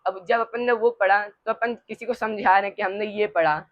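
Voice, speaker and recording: A woman's voice: medium pitch, steady tone, normal speed, dry recording. A woman giving a religious study lesson to a group, hesitant, with many fillers and restarts. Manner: leads the group in call-and-response repetition. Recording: dull muffled dry recording.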